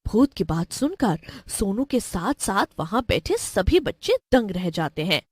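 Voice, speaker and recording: A woman narrating a cartoon story in an expressive, lively storybook style. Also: mid-range voice, unhurried, slightly rough, dry recording.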